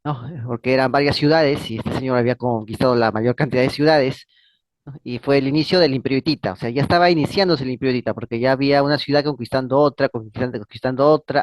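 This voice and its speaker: A man's voice: mid-range voice, fast, dry recording. A man hosting his own channel, giving a casual history lecture. He rambles, repeats words, and keeps adding a questioning "no?" at the end of his phrases. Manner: frequent fillers and restarts. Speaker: channel host.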